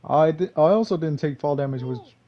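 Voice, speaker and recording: A man's voice: a little high, fairly quick, highs cut off. A man giving casual gameplay commentary, rambling and correcting himself, chuckling often.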